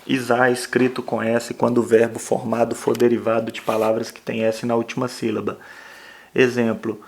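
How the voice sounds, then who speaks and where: Male teacher giving a spelling lesson: flat, gravelly delivery, checks in often. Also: medium pitch, slight background noise. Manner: explains slowly with frequent "né?". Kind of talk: grammar lesson.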